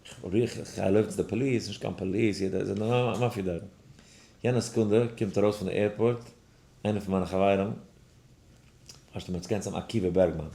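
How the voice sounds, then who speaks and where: Lowish-voiced man telling a story in a lesson. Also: a little fast, gravelly. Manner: animated storyteller, acts out other voices. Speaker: rabbi teaching a daily study class. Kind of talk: lesson with a told personal story. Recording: roomy echo.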